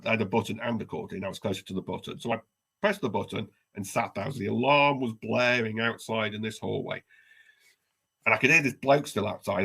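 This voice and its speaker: A man co-hosting a podcast, telling a story in a wry, self-deprecating, animated way. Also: mid-range voice, vocal fry. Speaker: podcast co-host. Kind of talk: casual storytelling chat.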